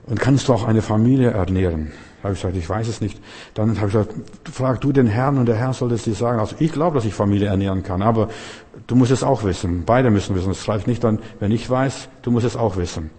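A man's voice: on the low side, fast, warm tone, husky. A middle-aged man preaching a sermon, emphatic and conversational, telling stories with colloquial asides. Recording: long reverb in a hall.

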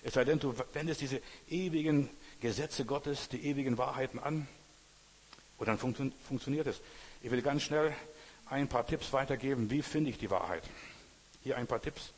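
A man preaching as a pastor, emphatic, repeating phrases and rising to loud exclamations. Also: medium pitch, moderate pace, slightly rough. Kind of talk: sermon. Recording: long hall reverb.

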